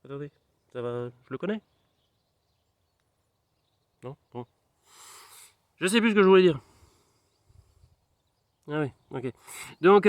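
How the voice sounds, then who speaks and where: A high-pitched young man chats away in a loose, playful ramble, talking straight to his viewer. He is outdoors in a garden with his dog, and his voice sounds close and dry. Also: no echo. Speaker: vlogger. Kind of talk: casual outdoor vlog chat.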